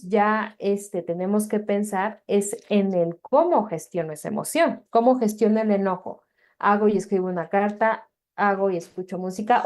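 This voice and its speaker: A woman's voice: mid-range voice, darkish tone. A woman with a Mexican accent giving an informal webinar lecture to parents, talking conversationally with frequent tag questions and filler words. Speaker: webinar presenter and teacher.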